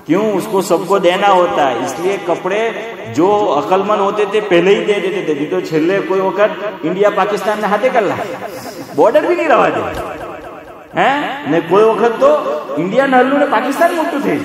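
A fairly high-voiced man delivers a chatty religious talk and keeps checking in with his listeners. He is recorded in a large hall full of long reverb, with a crowd audible around him. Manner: conversational, asks listeners rhetorical questions. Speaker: Islamic scholar. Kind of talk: religious lecture.

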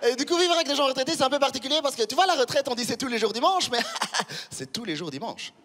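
Extremely high-pitched and animated, a Rwandan-born comedian in his thirties rattles off his routine at a quick pace. He holds a handheld microphone on a large theatre stage, teasing the live audience in a punchy, conversational style amid a noisy background.

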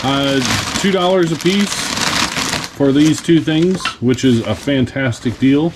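In a noisy, cluttered indoor workroom where items clink as they're handled, a man from the United States speaks slowly in a mid-range voice. He's an American reseller and vlog host, chatting casually through a haul of his finds.

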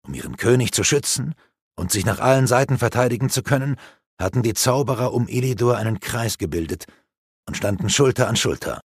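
A man's voice: mid-range voice, expressive, a little fast, slightly rough, no room sound, clean studio sound. A man narrating a fantasy audiobook in a dramatic, varied way.

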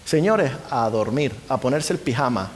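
Lively lecturer in a reverberant hall. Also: male voice, mid-range voice, moderate pace, slight background noise. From Spain. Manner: lively, keeps asking the audience rhetorical questions. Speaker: university lecturer. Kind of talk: conference lecture to a live audience.

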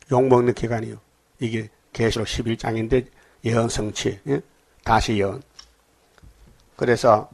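An older man preaching at a dawn service, folksy and lively, quizzing his listeners and acting out scripture scenes. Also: mid-range voice, creaky. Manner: lively, folksy, asks the congregation questions; acts out scripture dialogue in dialect. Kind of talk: dawn sermon.

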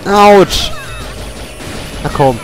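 Male let's player: higher voice, very lively swings, unhurried delivery, frustrated and cursing, yelps when hit. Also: faint music behind. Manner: frustrated, grumbling and cursing at the game. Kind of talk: gaming commentary.

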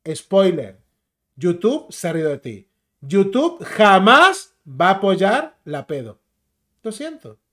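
A man with a Spain Spanish accent delivers a combative, mocking YouTube rant. His voice sits high and swings widely in pitch as he jeers. The tone stays insulting throughout. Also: warm tone. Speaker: YouTube commentator. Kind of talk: ranting commentary video.

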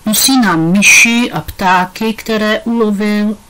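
A woman's voice: medium pitch, pushed and bright, clean tone, close to an everyday voice, poor audio. A woman reading as an earnest schoolboy. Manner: earnest, explaining. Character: earnest schoolboy giving a class report.

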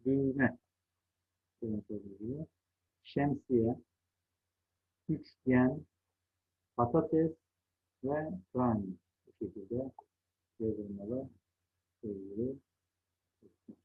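A man's voice: mid-range voice, very slow, long pauses, slightly rough, narrow, tinny audio. A middle-aged man teaching a second-grade spelling lesson, patiently contrasting wrong and right word forms. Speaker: primary school teacher.

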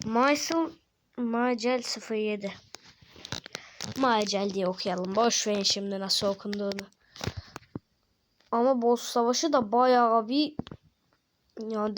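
A woman hosting a gaming channel, giving excited gameplay commentary, slangy and playful as she cheers on and taunts her teammates. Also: a little high, a little hiss or hum.

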